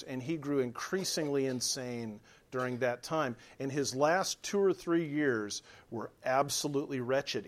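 A man preaching from the pulpit with earnest conviction. His voice sits a little high for a man. He drops to hushed lines, then rises into emphatic, urgent exhortation. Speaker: pastor. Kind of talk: sermon.

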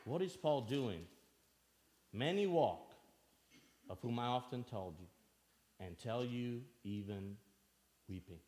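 A man's voice: mid-range voice, lively intonation, slow, pauses often, darkish tone. A man from Albania preaching a sermon in church, earnest, asking the listeners questions and repeating phrases for emphasis.

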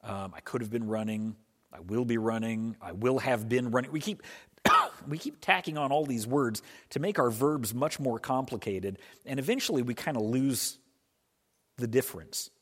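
A man's voice: mid-range voice, animated, normal speed, fairly bright tone, husky. A man preaching a conversational sermon as pastor, explaining things patiently and often restarting his phrases. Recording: reverberant hall sound.

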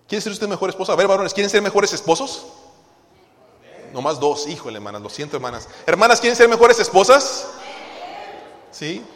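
A man's voice: high-pitched, a bit bright. A male pastor, preaching a sermon and emphatically questioning the congregation in church. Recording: long reverb of a church hall.

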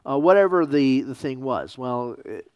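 A man, a pastor teaching a church history class, lecturing casually with halting ums and wry, sarcastic asides. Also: mid-range voice, very animated, a little mellow, clear, resonant tone, dry recording.

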